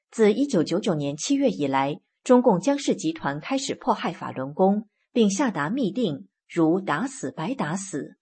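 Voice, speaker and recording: A woman reading scripted news reports in a steady, formal manner. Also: medium pitch, slightly rough. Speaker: news reader.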